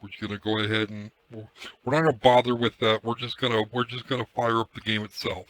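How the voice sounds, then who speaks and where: A hoarse man ranting casually on a live stream through a headset mic, his voice run through a voice changer, irritated and swearing as he repeats himself. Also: mid-range voice, steady tone, fairly quick, a bit bright, dry recording, low-quality recording. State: hoarse from screaming. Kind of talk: ranting livestream commentary.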